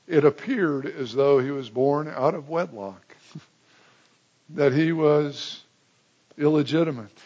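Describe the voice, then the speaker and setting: A man preaching a sermon, telling stories with big swings between loud excitement and hushed, low tones. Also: slow pace, pauses often, muffled recording. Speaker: pastor.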